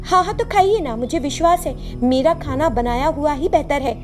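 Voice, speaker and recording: A woman voicing a foolish, jealous young daughter-in-law in a cartoon story, high-pitched and pleading. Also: normal speed, over music, close to an everyday voice. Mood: boastful.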